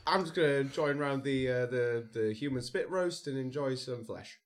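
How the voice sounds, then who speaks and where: A man's voice: mid-range voice, normal speed. A man joking and swearing casually as a player in a tabletop game. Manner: laughing, jokey, swears freely.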